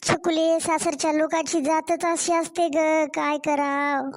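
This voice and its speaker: A woman's voice: sits high, level tone, takes it slowly. A woman voicing an anxious, caring middle-aged mother in a cartoon story. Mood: worried. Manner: worried, questioning.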